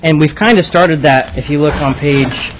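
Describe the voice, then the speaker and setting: A man's voice: a little high, moderate pace, a little hiss or hum, rough recording. Man explaining at a commission meeting. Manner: explanatory, many restarts. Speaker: commission member. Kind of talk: public meeting discussion. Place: city meeting room.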